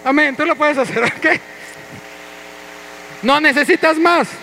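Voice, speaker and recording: A man, pitched very high, leads his congregation with an energetic, playful voice. His tone is bright and ringing as he coaxes the crowd along. A faint hum sits under the church sound. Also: a little slow, rough recording. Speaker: pastor. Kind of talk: interactive church sermon. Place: church hall.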